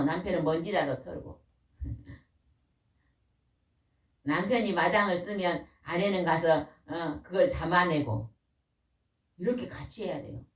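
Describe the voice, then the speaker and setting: A middle-aged woman preaching a sermon in a small church. She questions the congregation and waits for answers, and she slows down to stress key words. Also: on the low side. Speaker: pastor's wife preaching. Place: small church or worship room. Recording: roomy echo, voice from a distance.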